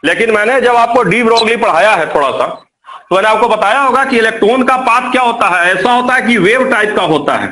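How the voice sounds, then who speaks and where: Male teacher, high voice, live classroom lecture, repeats and quizzes students. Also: expressive, brisk, bright, forceful tone, poor audio. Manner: repetitive, coaxing, quizzes students. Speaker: chemistry teacher.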